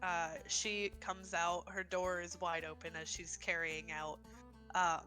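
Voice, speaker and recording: A woman's voice: on the low side, level tone, a little slow, pushed and bright, soft background music. A woman narrating as the game master of a tabletop game, giggling often and filling her narration with ums and likes. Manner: giggly, loose narration with fillers.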